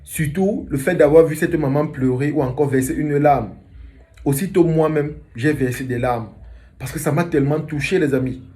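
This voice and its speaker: A man's voice: a little high, moderate pace, mellow. A man hosting a reaction video, speaking earnestly to his viewers in an emotional, moralising commentary. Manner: earnest, preachy.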